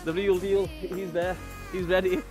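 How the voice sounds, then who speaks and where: A man, vlogging casually to a handheld camera in his car, outdoors and in shops, chatty and excitable. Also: high voice, a little slow, music in the background. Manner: chatty, excitable, says "right?" and "let's go" often. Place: car, outdoors in town and by a river, shop. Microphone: phone or action camera held at arm's length.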